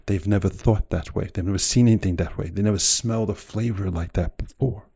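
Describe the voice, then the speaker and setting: A man's voice: low-pitched, a little fast, gravelly, warm tone, husky, lo-fi sound. A man delivering a motivational speech in an emphatic, direct way, full of rhetorical questions and repetition. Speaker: motivational speaker.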